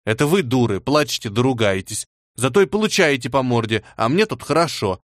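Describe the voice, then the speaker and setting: A man's voice: medium pitch, expressive, a little fast, no echo, studio quality, natural voice. A man reading an audiobook and voicing a smug, mocking plump teenage girl. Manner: mocking, giggly.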